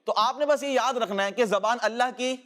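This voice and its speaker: A man with a fairly high voice hosts a children's program, teaching a short lesson. He speaks patiently and repeats each phrase so that the children can echo it back. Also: fairly bright tone. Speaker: children's show host.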